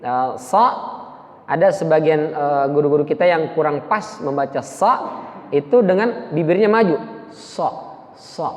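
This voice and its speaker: A man teaching Quran recitation to a mosque congregation, explaining slowly and demonstrating the sounds himself. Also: fairly high pitch. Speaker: preacher. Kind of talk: tajwid lesson to a mosque congregation. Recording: dull sound with long hall reverb.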